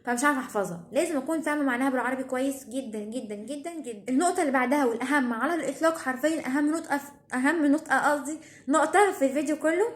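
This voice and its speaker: A woman's voice: high voice, roomy sound. A teenage girl with an Egyptian Arabic accent, giving study tips in a chatty, emphatic way and often checking in with her listeners. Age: teens. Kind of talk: casual advice talk to camera.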